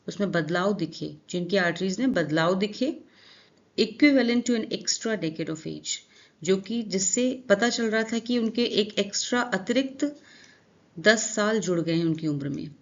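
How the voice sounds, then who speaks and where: A woman's voice: medium pitch, lo-fi sound. Woman teaching English vocabulary. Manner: reads English phrases slowly, then explains in Hindi; often adds "theek hai" to check understanding. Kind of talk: newspaper vocabulary lesson.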